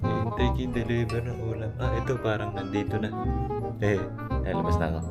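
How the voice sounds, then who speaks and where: Soft-spoken dad narrating a family vlog. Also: male voice, flat delivery, a little fast, over loud music. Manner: soft, low-key murmured narration. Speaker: family vlogger, father. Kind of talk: casual home vlog narration. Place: family home.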